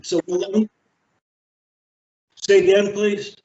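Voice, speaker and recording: A man chairing a library board meeting over a video call, speaking in a halting, measured way with frequent fillers. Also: high-pitched, flat delivery, a little mellow. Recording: roomy, dull video-call audio.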